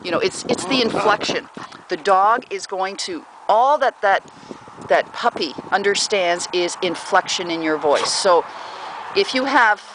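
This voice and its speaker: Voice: mid-range voice, lively intonation, a little slow. A pet owner casually giving puppy training advice at home, rambling with many fillers and often breaking off to talk to the pets. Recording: noisy home recording.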